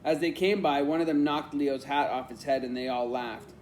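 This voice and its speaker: A man narrating an audiobook in an even, reflective storytelling manner. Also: mid-range voice, normal speed, a little hiss or hum. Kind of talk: scripted narration.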